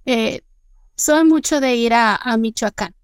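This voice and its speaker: A woman's voice: on the high side, slow pace, clean tone, dry recording. A woman, co-hosting a reflective podcast chat and talking earnestly about process and small details. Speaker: podcast co-host.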